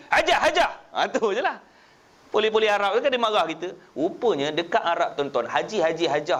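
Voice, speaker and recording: A man with a Malaysian Malay accent preaching in a mosque, telling lively stories and often calling on his listeners. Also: fairly high pitch, lo-fi sound, slight background noise. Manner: lively storytelling, addressing listeners as tuan-tuan. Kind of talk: religious lecture.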